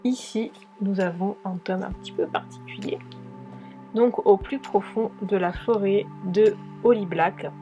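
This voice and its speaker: Slow-talking French book vlogger woman. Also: medium pitch, dark tone, soft background music. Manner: hesitant, many filler pauses. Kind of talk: casual book haul presentation.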